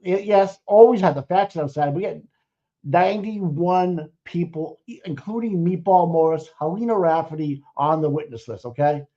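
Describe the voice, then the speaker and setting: A man co-hosting a casual chat, excitable and profane, rambling with restarts. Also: fairly high pitch, moderate pace. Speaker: co-host. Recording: muffled lo-fi stream audio.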